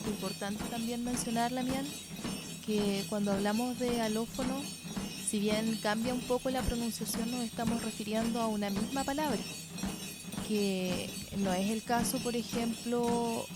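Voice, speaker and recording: A woman, her voice a little high, gives a measured explanation on a radio program. Loud background music plays under her voice throughout. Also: steady tone. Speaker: radio co-host.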